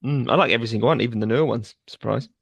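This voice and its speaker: A man co-hosting a podcast, answering in a quick, blunt, offhand way. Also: medium pitch, creaky, husky, lo-fi sound. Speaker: podcast co-host. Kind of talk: casual chat.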